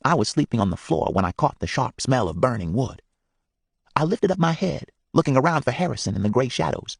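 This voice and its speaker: Gravelly man reading a storybook aloud. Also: mid-range voice, no echo, studio quality. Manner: measured, expressive reading. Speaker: audiobook reader. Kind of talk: storybook narration.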